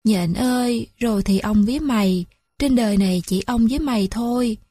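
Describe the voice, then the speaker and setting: A bitter, rootless old man laments his lot in a rambling, self-pitying voice, as a woman acts him out. The tone is husky and sits fairly high. It is read as a figure in a mournful storybook. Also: normal speed, dark tone, no echo. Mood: forlorn.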